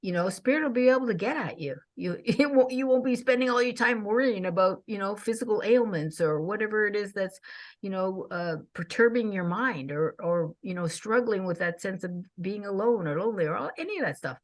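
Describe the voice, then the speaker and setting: A woman in her sixties hosting a casual chat, talking with bright enthusiasm and frequent laughs. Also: mid-range voice, expressive, a little fast. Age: 60s. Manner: enthusiastic, chatty, laughs often.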